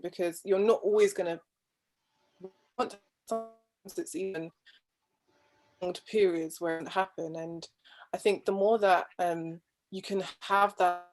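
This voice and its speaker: A woman's voice: on the low side, low-quality recording. A woman, a guest speaker on marriage, heard over a video call with a patchy connection, talking earnestly and restarting her phrases often. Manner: thoughtful and earnest, with frequent restarts and trailing phrases. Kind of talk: conversational discussion.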